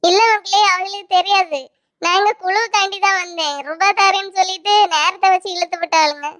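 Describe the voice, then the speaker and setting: A voice actor playing a middle-aged aunt with a Kanyakumari accent who talks in a drawn-out, singsong way in a cartoon. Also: female voice, very high-pitched, fairly even intonation, a bit bright. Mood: chatty. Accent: Kanyakumari Tamil. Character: chatty, slow-talking aunt visiting family.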